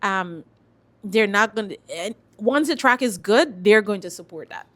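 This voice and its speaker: A woman's voice: medium pitch, lively intonation, unhurried, a bit bright. A woman with a Guyanese accent speaking casually as a singer being interviewed, emphatic and repeating phrases for stress. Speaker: singer-songwriter, interview guest.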